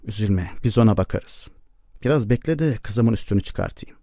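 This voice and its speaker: A man reading the lines of a weary, steadfast farm mother in an audiobook, calm and caring but firm. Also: fairly low pitch, moderate pace, vocal fry, no room sound. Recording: dull lo-fi recording.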